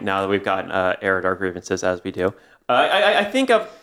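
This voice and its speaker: A man's voice: lowish voice, fairly bright tone. A man hosting a podcast, talking in a wry, conversational way. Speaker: podcast host. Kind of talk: casual chat.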